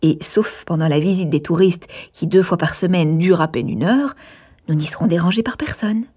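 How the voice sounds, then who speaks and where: A woman reading aloud, voicing a calm young gentleman who lays out a plan in a reassuring, matter-of-fact way. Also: lowish voice, moderate pace, slightly rough.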